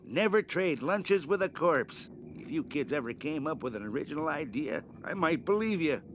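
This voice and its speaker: A man's voice: on the high side, animated, normal speed, a little hiss or hum. A man playing a stubborn, grumpy gravedigger in a comic adventure game, querulous and skeptical as he scolds. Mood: scolding, skeptical. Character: jumpy, grumpy, stubborn gravedigger who loves horror novels.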